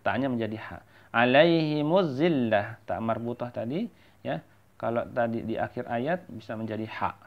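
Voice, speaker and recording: A man teaching Quran recitation. He chants verses slowly, then explains them quickly in a softer voice. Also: mid-range voice, gravelly. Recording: tinny phone-like audio.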